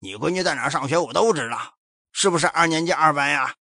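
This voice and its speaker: A man's voice: a little high, big pitch swings, normal speed, bright, forceful tone, breathy edge, no echo, clean studio sound, full character voice. A man doing a sneering fat thug boss. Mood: menacing. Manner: sneering, menacing. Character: fat, arrogant thug leader, bullying man.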